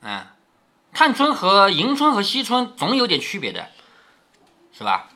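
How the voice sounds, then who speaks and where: Lively husky-voiced man reading aloud. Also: high voice, measured pace. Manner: explanatory, asks rhetorical questions. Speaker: parent reading a classic novel to his daughter. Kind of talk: storybook reading with commentary.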